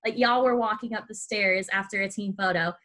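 A podcast host in her twenties interviews in a casual, chatty style, frequently dropping "like" and "y'all." Her medium-pitched voice is steady, fairly quick, and pushed and bright.

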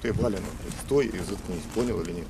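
A police officer, curt and gruff, telling people not to shout. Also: male voice, deep voice, fairly quick, a loud crowd. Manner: gruff, curt, demanding respect. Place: outdoors on a street. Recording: distant street recording.

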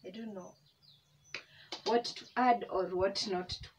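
Speaking in a steady, medium-pitched voice without hurrying, a young vlogger with a Kenyan accent eats while talking casually to her audience. She's chatty and code-switches, coming across as emotional, open and thankful. The audio is dull, picked up by a distant mic over a faint background hum.

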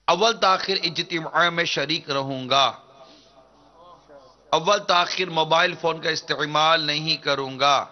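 Earnest preacher man, dull lo-fi sound. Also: on the high side. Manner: earnest, measured declaiming. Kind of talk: devotional sermon. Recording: dull lo-fi recording.

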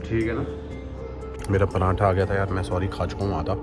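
A man's voice: low-pitched, fairly even intonation, brisk, loud music behind the voice. A man in his thirties chatting cheerfully and jokingly in a family vlog, mixing in English words. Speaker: vlogger. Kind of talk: casual family vlog chat.

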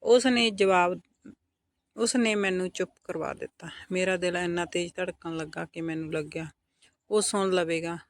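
Soft-spoken woman telling a story. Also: lowish voice, fairly even intonation, normal speed, no room sound, studio quality. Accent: Punjabi. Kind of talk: scripted first-person story narration.

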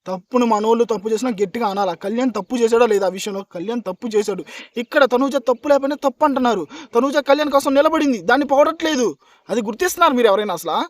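Speaking very fast in a very high voice, studio quality with no room sound, a man reviews a reality show in an angry opinion rant to camera. He fights his case hard, repeats himself for emphasis and keeps asking "okay?" for agreement.

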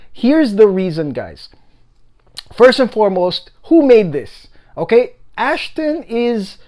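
This is a perfume review video: a young man with a high voice talks casually to the camera from an indoor room at home. He reviews fragrances in a lively, chatty way, regularly tacking on "guys" and "okay?"

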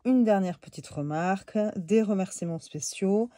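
A woman's voice: medium pitch, normal speed, mellow, dry recording, clean studio sound. A woman with a head cold, talking nasally and hesitantly through a casual tarot deck review. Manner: hesitant, many fillers, chatty.

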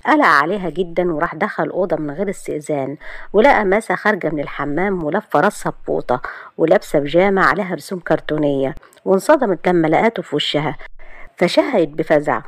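A woman storyteller with an Egyptian accent, narrating a romance story in a steady, even way. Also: low-pitched, dry recording. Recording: dry close recording.

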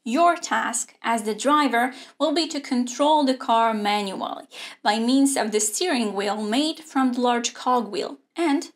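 Slow-talking young woman teaching robotics. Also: on the high side. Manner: clear, measured explaining with hand gestures. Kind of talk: scripted online lesson. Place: indoor studio with a grey backdrop.

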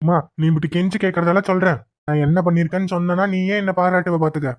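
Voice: mid-range voice, fairly even intonation, fast talker, lightly acted. A performer voicing a foolish, boastful young villain son in a cartoon, smug and whiny. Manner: smug, whiny when scolded. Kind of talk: cartoon voice acting.

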